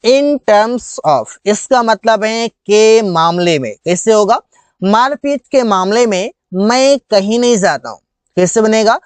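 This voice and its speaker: A man teaching vocabulary, explaining in Hindi and saying each example sentence slowly and deliberately. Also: sits high, clear, resonant tone, no room sound. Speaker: English teacher. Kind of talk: bilingual vocabulary lesson.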